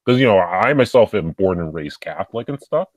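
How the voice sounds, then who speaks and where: A man's voice: deep voice, animated, fairly quick, no room sound. A man speaking as a podcast guest, rambling casually with lots of fillers like "and stuff.".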